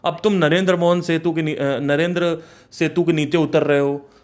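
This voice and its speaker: A man's voice: a little high, fairly even intonation, normal speed, a little mellow, close to an everyday voice. A man voicing a rude, pushy male auto driver who talks back aggressively and scornfully. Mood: irritated.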